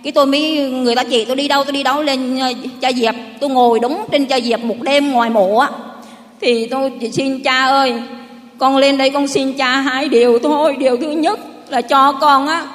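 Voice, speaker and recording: Lady, middle aged, high voice, rambly heartfelt church testimony. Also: steady tone, fairly quick. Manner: rambling, heartfelt storytelling with many restarts. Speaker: parishioner giving testimony. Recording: long hall reverb.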